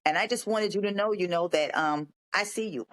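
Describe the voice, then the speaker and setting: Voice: mid-range voice, a little fast, a bit bright. A podcast host leading an interview, encouraging the guest and echoing short agreements. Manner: affirming, repeats short agreements. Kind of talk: interview hosting.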